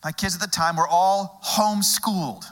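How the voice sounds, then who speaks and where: A middle-aged male pastor from Texas, preaching a sermon through a humorous story told with dramatic pauses. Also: sits high.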